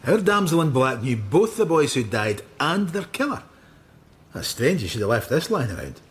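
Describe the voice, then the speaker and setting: An actor playing a blunt, sardonic police inspector with a Scottish accent in a radio crime drama. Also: male voice, medium pitch, big pitch swings, normal speed, close to an everyday voice. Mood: dry, wry.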